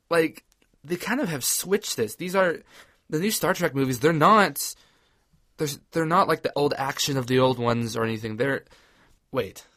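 A young man chatting casually about movies, laughing often and getting animated. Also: no room sound, studio quality. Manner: laughs often, animated with sudden high exclamations. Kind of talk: casual chat.

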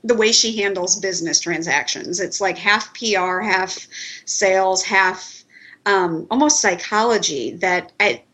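A woman's voice: mid-range voice, unhurried, fairly bright tone. Chatty woman on a podcast. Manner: chatty, uses "like" and "you know". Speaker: podcast co-host. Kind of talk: casual chat.

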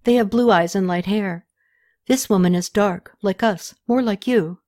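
A woman's voice: mid-range voice, measured pace, dark tone, natural voice. A woman voicing a young, troubled ancient king who explains matters earnestly.

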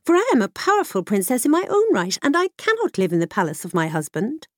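A woman's voice: a little high, huge pitch swings, quick pace, no room sound, clean studio sound. A woman voicing a proud, demanding young princess in a spoken fairy tale, speaking haughtily and insistently. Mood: imperious.

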